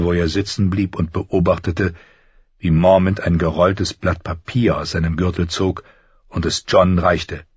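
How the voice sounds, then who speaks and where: Deep, husky male audiobook narrator. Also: no room sound. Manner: steady, measured narration. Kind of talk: audiobook reading. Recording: dry, dull lo-fi audiobook sound.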